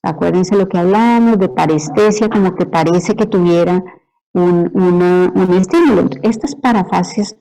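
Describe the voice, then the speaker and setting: Mellow-voiced woman lecturer. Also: lowish voice, normal speed, low-quality recording. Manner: explanatory, asks "¿sí?" to check understanding. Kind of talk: university lecture.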